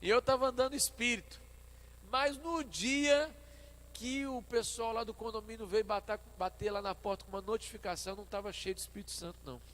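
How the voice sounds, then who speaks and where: Man, high voice, Brazilian Portuguese accent, pastor, animated sermon storytelling. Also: fairly quick. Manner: animated storytelling, acting out his own past dialogue. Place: church service.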